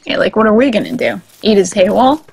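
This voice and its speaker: A woman from the Boston area, with a Boston accent, co-hosts a casual game stream, joking and laughing often while explaining the game's lore. She talks quickly in a mid-range, darkish voice with vocal fry, with a little hiss or hum in the recording.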